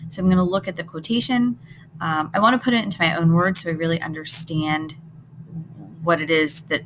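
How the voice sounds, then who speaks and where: A woman with a somewhat low voice walks students through a text, thinking aloud and checking in with "right?". She explains patiently, like a recorded lesson. A steady hiss of noise sits under her voice. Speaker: teacher. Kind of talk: recorded classroom lesson, close reading. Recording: noticeable background noise.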